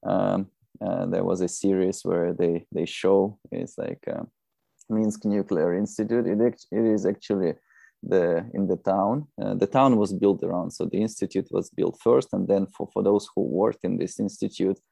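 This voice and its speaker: A man in his thirties from Belarus with a Belarusian accent, a non-native English speaker chatting as a podcast guest in a halting, rambling way. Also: sits low, fairly even intonation, creaky, mellow, no room sound. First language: not English. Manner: halting, rambling, often saying "you know". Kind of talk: casual conversational interview.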